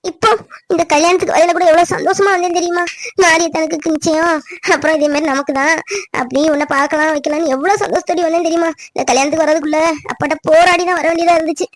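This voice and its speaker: A woman's voice: extremely high pitch, steady tone, quick pace, a little hiss or hum. A woman voicing a young village woman who pleads tearfully with her cousin. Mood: pleading tearfully. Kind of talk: cartoon drama.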